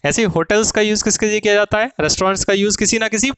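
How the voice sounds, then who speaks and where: A man's voice: high voice, steady tone, racing, a bit bright, smooth, no room sound, low-quality recording. A man teaching grammar to students, asking questions and answering them himself.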